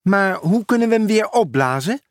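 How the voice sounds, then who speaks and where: A man's voice: high-pitched, expressive, moderate pace, no echo, clean studio sound, pitched above the performer's own voice. A man putting on a kind female schoolteacher. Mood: encouraging.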